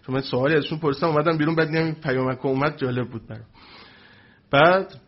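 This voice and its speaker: A man telling a religious anecdote to a live audience, animated and acting out the people in his story. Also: a little high, muffled recording.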